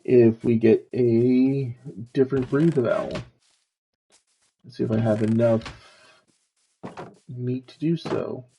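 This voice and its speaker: A man with a mellow, dark voice and a gravelly edge talks himself through a video game stream. He speaks slowly and muses aloud as he plays. The mic sounds a little dull, with faint background noise. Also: medium pitch, steady tone. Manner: slow, musing, talks to himself while playing. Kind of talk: casual gameplay commentary.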